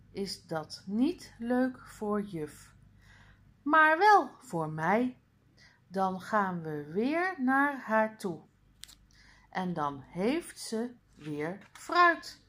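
A woman's voice: a little high, sing-song, very slow, a bit bright, voice pushed up, full character voice. A woman doing a cheeky young schoolboy. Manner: scheming, eager.

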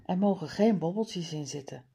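A woman reading a children's reading book aloud slowly and clearly, for learners. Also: lowish voice, animated, dark tone. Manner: clear, deliberate, over-articulated. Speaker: reader.

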